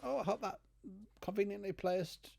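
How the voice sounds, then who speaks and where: A British man co-commentating on a game in casual banter, sardonic and deadpan. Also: high-pitched, normal speed, vocal fry. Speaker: gaming co-commentator. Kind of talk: dry casual banter over gameplay.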